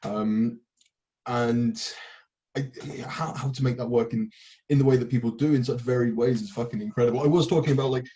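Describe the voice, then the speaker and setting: A man's voice: medium pitch, steady tone, fairly quick, warm tone, lo-fi sound. A young man hosting a casual chat about poetry. He rambles enthusiastically and swears casually. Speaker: podcast host. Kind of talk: casual conversation.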